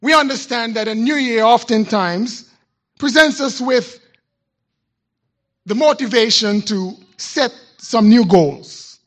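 A male pastor delivering a sermon in church, telling a story in a measured, reflective way with deliberate pauses. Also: extremely high pitch, fairly bright tone. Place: church sanctuary.

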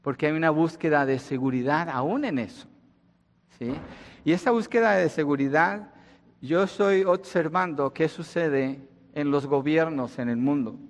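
A man from Colombia preaching a sermon in a conversational way, asking rhetorical questions and rising in emphasis. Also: on the high side. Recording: long hall reverb.

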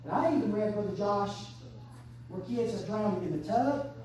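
Woman preacher, 30s, swings from hushed to shouting, echoey church, distant mic. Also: mid-range voice, lively intonation, moderate pace. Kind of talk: sermon. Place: church sanctuary.

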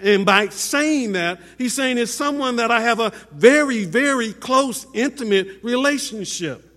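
A man preaching in a church with a high voice. He speaks slowly and deliberately, hammering points home through repetition. A long reverb hangs behind each phrase, as in a large sanctuary. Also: lively intonation, a bit bright. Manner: emphatic, repeats phrases for stress. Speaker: pastor. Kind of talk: sermon.

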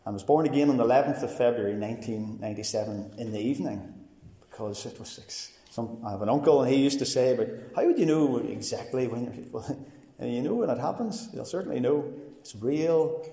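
A man in his forties with a Northern Irish accent, giving a personal testimony in a plain, earnest, halting way. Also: mid-range voice, expressive, warm tone. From Northern Ireland. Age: 40s. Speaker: testifying church member. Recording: echoey hall with long reverb.

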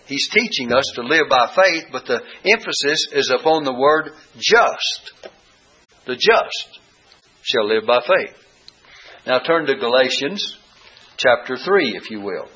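Guy preaching a bible lesson, bright husky voice, leans hard on key words, kinda dull lo-fi sound. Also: mid-range voice. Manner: reads scripture aloud with deliberate emphasis. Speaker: Bible teacher.

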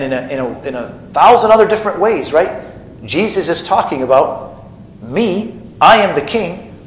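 A man's voice: fairly high pitch, echoey room, low-quality recording. A man preaching a sermon to a congregation, explaining scripture with emphatic rises on key points. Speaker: pastor.

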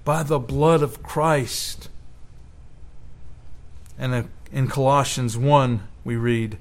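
A man's voice: mid-range voice, steady tone, extremely slow. A man preaching a sermon in an earnest way, rising with emphasis when he quotes scripture. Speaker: pastor.

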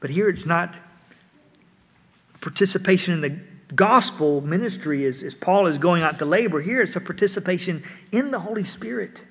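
A man's voice: high voice, expressive, moderate pace, breathy edge, in a large hall. A man preaching a sermon earnestly, often repeating words as he explains.

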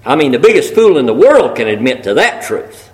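A man's voice: medium pitch, big pitch swings, brisk, poor audio. A man preaching a sermon in a folksy, emphatic way, building rhetorical lists and repeating phrases for weight.

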